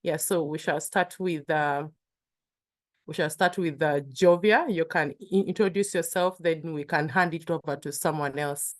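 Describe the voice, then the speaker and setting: Brief: woman moderator, slightly low voice, hesitant filler-heavy hosting. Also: a little slow. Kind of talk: webinar moderation. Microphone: video call.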